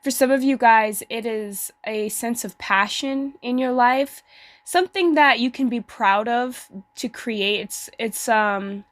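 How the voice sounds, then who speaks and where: A woman who is sick, as with flu, giving a casual tarot reading to online viewers in a hesitant, pausing way. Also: on the high side, a bit bright, dry recording. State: sick, as with flu, voice may give out. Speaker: tarot card reader.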